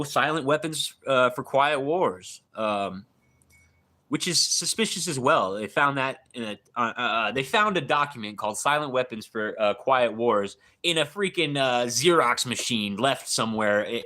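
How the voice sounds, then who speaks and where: A man livestreaming in a casual, rambling way, excitable and swearing often, with lots of dude and bro. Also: medium pitch, moderate pace. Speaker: live streamer.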